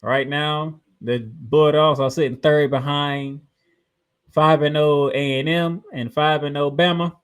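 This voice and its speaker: A man's voice: a little high, fairly even intonation, measured pace, clean tone. American man co-hosting a football show. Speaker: sports show co-host. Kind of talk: college football preview talk.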